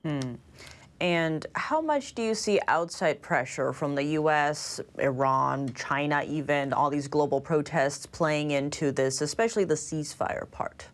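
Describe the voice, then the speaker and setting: Low voiced lady news host asking formal interview questions. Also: measured pace.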